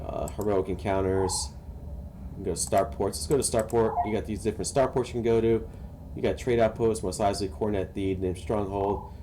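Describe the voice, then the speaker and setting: A man casually narrating a game walkthrough, explaining each step to viewers in a relaxed, instructive way. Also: fairly low pitch, fairly quick, noisy background. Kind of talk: casual gameplay tutorial narration.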